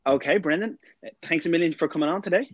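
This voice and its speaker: A man's voice: on the high side, quick pace, slightly rough, no echo, lo-fi sound. Man hosting, dry close sound. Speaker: podcast host. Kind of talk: casual podcast interviewing.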